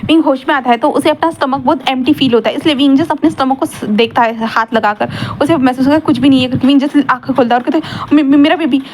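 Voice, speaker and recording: A woman's voice: high-pitched, fast talker, hardly any pauses, slight background noise. A young woman casually retelling a fan-fiction love story, rambling with many fillers.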